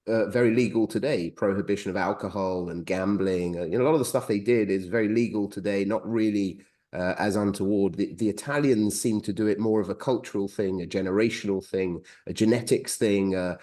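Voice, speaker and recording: Low-voiced man explaining over a video call. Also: mellow. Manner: explanatory, some restarts, checks in with "right?". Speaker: film director and interview guest. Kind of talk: casual interview talk.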